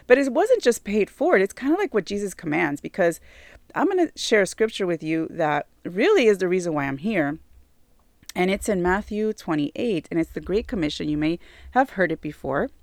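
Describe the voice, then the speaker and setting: A church member in her forties shares her faith testimony earnestly, her fairly low voice slightly hoarse from allergies. She repeats phrases for emphasis and fills pauses with "like" and "you know," and there's no echo.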